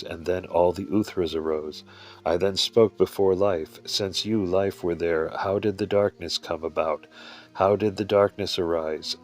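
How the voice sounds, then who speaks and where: Deep, flat-voiced man reading scripture. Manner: measured reading with occasional halts and restarts. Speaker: reader of a religious text. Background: faint music.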